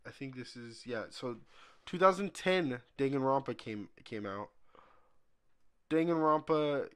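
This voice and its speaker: A man's voice: medium pitch, expressive, a little slow, fairly bright tone, smooth. A young man co-hosting an unscripted podcast, chatting casually and reading off release years in a laid-back way. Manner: laid-back, reads out lists of dates. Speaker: podcast co-host.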